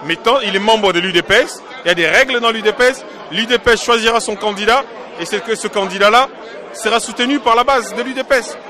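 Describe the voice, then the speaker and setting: A man's voice: sits high, quick pace, crowd noise. A man from Congo, a diaspora political activist, answering interview questions in an emphatic, insistent way and repeating his points.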